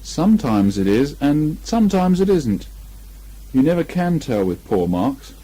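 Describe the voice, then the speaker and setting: A man voicing a slow, earnest, rather gloomy male toy bear who ponders hesitantly in a children's story. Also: fairly high pitch, sing-song, dark tone. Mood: pondering, mysterious. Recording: muffled amateur 1980 home recording.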